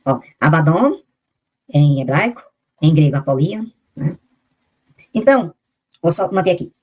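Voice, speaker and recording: A woman giving a Bible lesson on a video call, reading out lists of names and verses and slowing down to sound out the foreign ones. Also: deep voice, expressive, a little mellow. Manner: reads out name lists and verses, slowly spelling out foreign names. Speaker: Bible teacher. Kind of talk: explanatory Bible lesson with slides.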